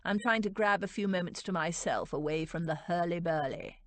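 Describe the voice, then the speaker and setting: A woman's voice: on the low side, moderate pace, a bit bright, no echo, lightly acted. A woman narrator voicing an arrogant duke with a dry, disdainful drawl in a romance audiobook. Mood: disdainful, smug.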